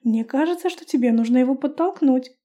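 A woman voicing a sleepy, sly hawk spirit that speaks inside the heroine's mind, calm and coaxing. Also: high voice, brisk.

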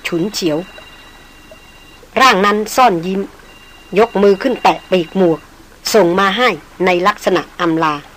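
A woman narrating a novel as an audiobook in a steady, measured way. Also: medium pitch, poor audio. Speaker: audiobook reader.

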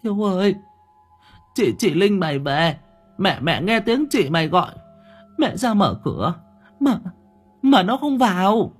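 A man's voice: on the high side, very animated, normal speed, slightly rough, pitched above the performer's own voice. A man voicing a frail, anxious elderly village mother who stammers and calls out pleadingly, his voice raised well above his own. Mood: flustered. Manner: pleading, calling out, stammering repeats. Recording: faint music underneath.

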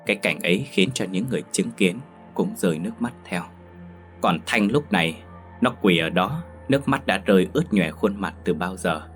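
A man narrating a ghost story in a slow, emotive scripted reading. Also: deep voice, fairly bright tone. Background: faint music.

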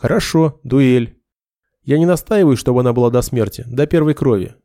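A man's voice: medium pitch, normal speed, mellow, dry recording, studio quality, close to an everyday voice. A man voicing a cool, blunt young sergeant who speaks in a cold, accusing way. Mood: calm, firm.

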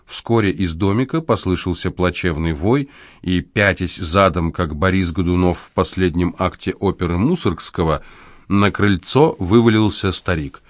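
A man narrating an audiobook in a measured, expressive storytelling voice. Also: low-pitched, no room sound, studio quality. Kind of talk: scripted narration.

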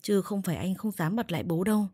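A woman's voice: mid-range voice, quick pace, warm tone, husky, no echo, studio quality, close to an everyday voice. Woman doing a timid placating husband. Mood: defensive. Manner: soothing, pleading.

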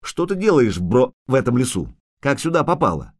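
Geralt, a man doing a gruff, mocking monster hunter. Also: mid-range voice, big pitch swings, a little fast. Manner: brusque, mocking.

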